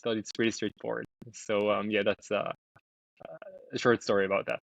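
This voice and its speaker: Talking loosely as a podcast guest, this young startup founder from Israel fills his casual interview with ums and restarts. He sits on the low side with little pitch movement, a moderate pace and vocal fry, and the remote audio is dry, slightly dull and free of room sound.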